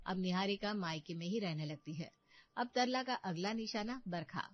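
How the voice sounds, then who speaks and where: A woman storyteller giving scripted narration of a family story in an even, matter-of-fact way. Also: medium pitch, normal speed, muffled recording.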